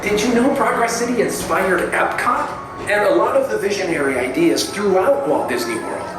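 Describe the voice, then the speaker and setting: An actor playing an upbeat, showy alien space tour guide in a scripted theme park ride spiel. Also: male voice, sits high, lively intonation, normal speed, recorded from a distance. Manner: showy, enthusiastic. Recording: very echoey ride speakers under loud music.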